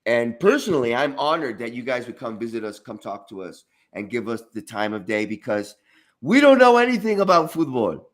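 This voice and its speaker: A man's voice: medium pitch, big pitch swings, fairly quick. A man co-hosting a live fan show, talking in an effusive, emphatic way and repeating his phrases. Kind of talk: casual live-stream chat.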